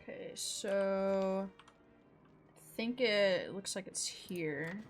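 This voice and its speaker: A woman's voice: medium pitch, very slow, soft background music. A young woman giving casual, chatty commentary while playing a video game. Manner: chatty, amused asides. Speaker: gaming streamer.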